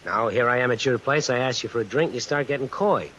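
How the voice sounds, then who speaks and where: With a natural, medium-pitched male voice, fast-paced, an actor delivers first-person narration as a slangy, suspicious American drifter freshly released from jail. The tone is irritated and sardonic, hard-boiled in the manner of old-time radio suspense. Expect lo-fi sound from a vintage broadcast with hiss and continuous rain added on top.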